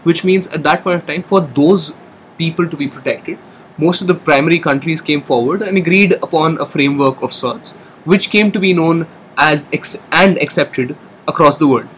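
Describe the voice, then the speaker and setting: A man's voice: fairly high pitch, normal speed, a bit bright, slight background noise, rough recording. A man on a podcast panel confidently explaining his view, often checking in with his listeners. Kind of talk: casual explanatory discussion.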